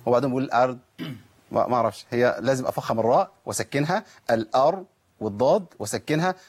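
Egyptian man, husky-voiced and brisk, teaching tajweed, demonstrates each sound carefully. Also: medium pitch, lively intonation, darkish tone. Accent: Egyptian Arabic. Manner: patient, corrects and models pronunciation step by step. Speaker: Quran recitation teacher. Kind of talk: televised tajweed lesson.

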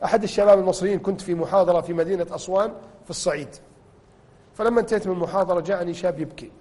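Brief: a passionate, rapid-fire male preacher with a husky tone, delivering a sermon. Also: high voice, darkish tone, in a large hall. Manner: impassioned, rising to cries at emotional peaks.

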